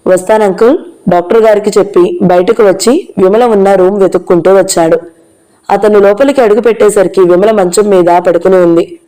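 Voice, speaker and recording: A woman narrating an audio novel in a steady storytelling manner. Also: medium pitch, rough recording.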